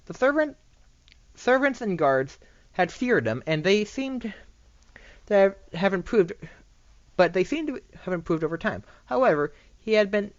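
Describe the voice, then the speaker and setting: An amateur narrator haltingly reads a fan fiction story aloud, frequently stumbling and repeating words. The voice is medium-pitched, and the audio is dull with no room sound.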